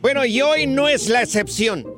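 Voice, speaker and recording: A lively male radio host with a high voice that swings up and down, teasing callers and running a prank call. Loud music plays beneath his talk. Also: moderate pace. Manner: lively, teasing, plays a stern bar manager.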